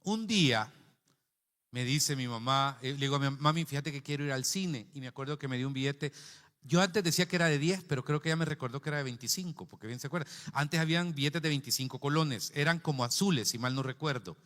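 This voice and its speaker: A middle-aged man with a Central American Spanish accent preaching a sermon, telling personal stories in an animated, conversational way with frequent asides to the congregation. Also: mid-range voice, fast. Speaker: pastor. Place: church sanctuary. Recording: long church reverb.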